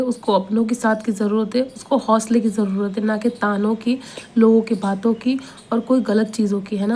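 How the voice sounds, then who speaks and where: A woman's voice: medium pitch, a little mellow. A woman giving an Islamic motivational advice talk, earnest and repetitive, pleading with listeners and often checking they agree. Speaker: advice speaker.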